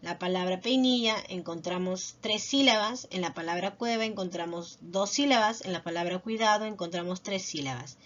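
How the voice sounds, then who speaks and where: A woman teacher giving a recorded lesson, explaining slowly and patiently and checking in with little tag questions. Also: medium pitch, fairly bright tone. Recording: dull lo-fi voice recording.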